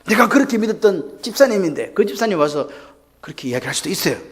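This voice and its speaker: Male pastor, very high voice with wide swings, preaches with call-and-response questions. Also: very animated, fast. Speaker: senior pastor. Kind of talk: Sunday morning sermon.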